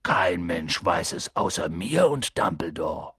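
A man voicing a big, gruff and kindly half-giant groundskeeper in an audiobook, rambling and hesitant with ums. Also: low-pitched, sing-song, slow pace, a bit bright, dry recording, clean studio sound, pitched below the performer's own voice, exaggerated voice. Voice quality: gravelly, husky. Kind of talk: audiobook character voice.

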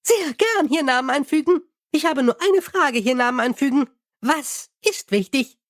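A man voicing a small, eager male goblin clerk in an audiobook, with a squeaky, fussy and formal way of speaking. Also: lively intonation, moderate pace, a bit bright, no echo, clean studio sound. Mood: pedantic. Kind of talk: audiobook character voice.

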